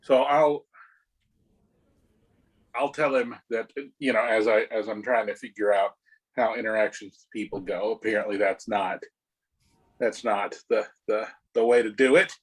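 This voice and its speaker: A man's voice: lowish voice, fairly even intonation, measured pace, pauses often, breathy edge, rough recording. A man as a player in a tabletop role-playing game, hesitant and stammering. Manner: hesitant, stammering in-character speech.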